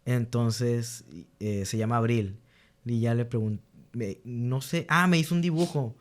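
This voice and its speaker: A man's voice: mid-range voice, unhurried. A young man, a teacher being interviewed, earnestly telling stories about his students and acting out their exchanges, with frequent restarts. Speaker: guest, teacher. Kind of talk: candid interview storytelling.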